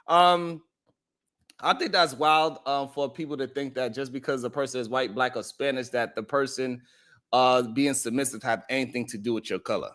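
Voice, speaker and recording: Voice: mid-range voice, steady tone, moderate pace, a bit bright. A host giving casual live commentary, thinking aloud in a hesitant way.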